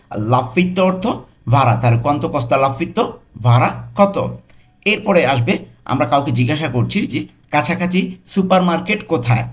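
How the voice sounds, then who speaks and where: Man slowly spelling out phrases. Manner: breaks phrases into single words, repeats them slowly; pitch jumps up on quoted phrases. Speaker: language tutor. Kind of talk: teaching Italian phrases in Bengali.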